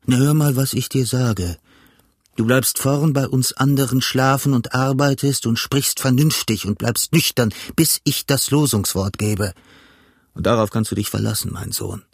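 A cunning older pirate cook lectures his crew in a gruff, blustering voice, as a man reads him in an audiobook. The pitch sits mid-range for a man, and the recording is dry with no room sound. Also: moderate pace, no echo. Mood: scheming. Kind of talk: audiobook reading.

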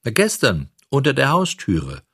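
A man's voice: mid-range voice, huge pitch swings, unhurried, sharp tone, no echo, studio quality, voice pushed up, exaggerated voice. A man voicing a sly, courteous limping fox while reading a storybook aloud. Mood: polite. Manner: smooth and courteous.

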